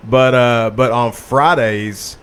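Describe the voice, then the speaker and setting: A man's voice: medium pitch, steady tone, takes it slowly, a bit bright, clean tone. Guy, middle-aged, laid-back podcast banter, kinda rambly and jokey. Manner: laid-back, joking, calls himself a redneck. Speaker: podcast co-host. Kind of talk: casual chat.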